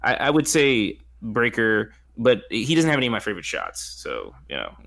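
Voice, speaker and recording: A man's voice: medium pitch, lively intonation, fairly quick, fairly bright tone. A man co-hosting a casual film chat, talking in an informal, slangy way with some swearing. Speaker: podcast co-host.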